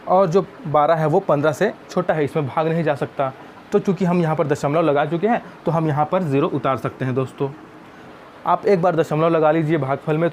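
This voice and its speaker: A man's voice: fairly high pitch, darkish tone, slight background noise. A man teaching math, explaining each step patiently and often calling viewers friends.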